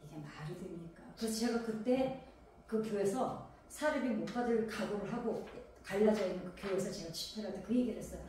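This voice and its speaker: A woman's voice: mid-range voice, a little fast, warm tone, a little hiss or hum. A woman from Gangwon Province, South Korea, preaching a sermon in a conversational way, firing rhetorical questions at the congregation. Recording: very echoey hall, voice from a distance.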